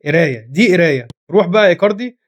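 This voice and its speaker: A man with an Egyptian accent giving rapid, excitable live commentary on his own football video game match, scolding his players, his voice going hoarse. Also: high voice. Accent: Egyptian Arabic. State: voice getting hoarse. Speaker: gaming commentator.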